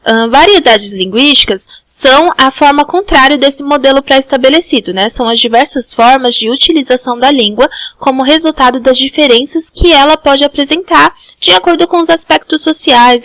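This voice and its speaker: High-voiced Brazilian teacher with a dry sound. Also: female voice, moderate pace, few pauses, a bit bright, dry recording, rough recording. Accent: Brazilian Portuguese. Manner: explains step by step, often adds "né?". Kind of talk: online class lecture.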